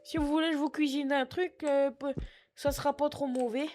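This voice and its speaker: At home at his computer, a male streamer doing live-streamed game roleplay puts on a high-voiced old granny: a scatterbrained, foul-mouthed 60-year-old female shop clerk with a put-on Picard and Norman patois mix. She is sniffly, rambling, swears a lot and sounds chatty and flustered, with self-mocking asides to chat. His tone is darkish and fairly even at normal speed, with soft background music.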